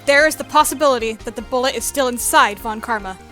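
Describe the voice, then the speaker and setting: Woman reading earnest young defense lawyer, high bright voice, steady, music behind. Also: quick pace, natural voice. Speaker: streamer. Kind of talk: reading game dialogue aloud.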